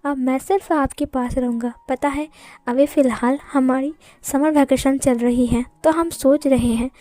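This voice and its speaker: A woman's voice: high voice, steady tone, a little slow, mellow, dry recording. A woman doing a cheeky ten-year-old boy. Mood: chatty. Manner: pestering, bossy, childish. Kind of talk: fan fiction storytelling.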